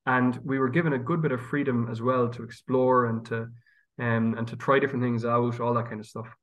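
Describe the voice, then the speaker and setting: A man's voice: mid-range voice, flat delivery, brisk, fairly bright tone. A man with a west of Ireland accent talking conversationally and thoughtfully as a priest being interviewed. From County Galway, west of Ireland. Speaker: priest and guest.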